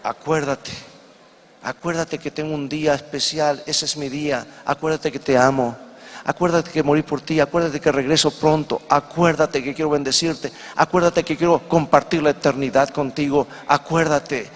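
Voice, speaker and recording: A man voicing God, who gently pleads with his people in soft, repeated phrases. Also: fairly high pitch, steady tone, moderate pace, long reverb tail, lightly acted. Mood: tender.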